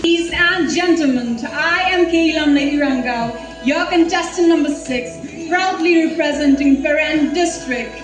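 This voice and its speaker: A woman's voice: high-pitched, a little slow. Poised young woman, distant and echoey. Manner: formal, poised. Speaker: pageant contestant. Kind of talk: rehearsed stage introduction. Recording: very echoey hall, distant mic, music behind.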